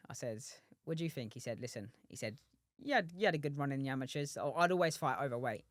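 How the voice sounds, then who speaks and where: A young man in his twenties talks quickly and openly as a podcast guest, rambling and restarting sentences, tossing in asides to the host. His voice sits at an ordinary middle pitch and is recorded dry and close, with no room sound. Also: expressive, dry recording. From England. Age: 20s. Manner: rambling, many restarts and "do you know what I mean". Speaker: guest, professional boxer. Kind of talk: casual interview chat.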